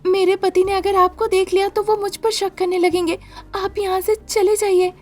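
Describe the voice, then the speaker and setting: A woman's voice: very high voice, little pitch movement, moderate pace, a little mellow, pitched above the performer's own voice. A woman voicing a frightened young wife who pleads tearfully in a cartoon story.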